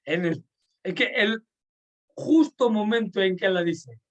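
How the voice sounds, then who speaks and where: A man telling stories in a friendly chat, his voice sitting a little higher than most men's. He often breaks off and restarts his sentences. He keeps checking in with his listener as he talks. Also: lively intonation, a little slow. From Portugal. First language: Portuguese. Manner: warm anecdotal, frequent "sabes?" and restarts. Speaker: pilgrim and host. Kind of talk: casual storytelling in conversation.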